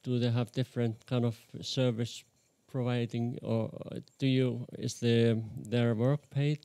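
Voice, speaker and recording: Mellow-voiced man asking from the floor. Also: mid-range voice, little pitch movement, clean tone. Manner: halting, searching for words. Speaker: audience member asking a question. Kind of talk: question from the floor.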